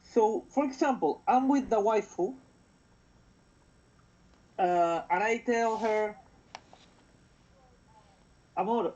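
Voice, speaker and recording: A Chilean man with a Chilean accent and a nasal, high-sitting, darkish voice chats casually on a live stream. He speaks slowly with frequent pauses, rambling, losing his thread, trailing off and starting again. The audio is dull and lo-fi.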